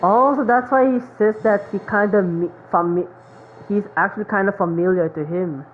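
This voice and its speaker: A game streamer reacting casually and excitedly to the story as it plays. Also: mid-range voice, moderate pace, narrow, tinny audio, a little hiss or hum.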